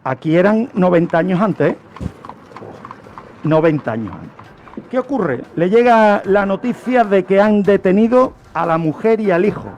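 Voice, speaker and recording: With music underneath, a radio true-crime contributor who has a Spanish accent teaches his way through a crime story and asks rhetorical questions. His voice is high and slightly mellow.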